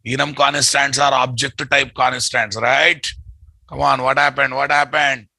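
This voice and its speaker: Male coding tutor, Telugu accent, slow delivery, gravelly edge, repetitive and questioning. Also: medium pitch, little pitch movement, sharp tone, dry recording. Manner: repeats phrases, addresses students familiarly with questions. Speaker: programming instructor. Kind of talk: live online coding lesson with students. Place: indoor room at a computer.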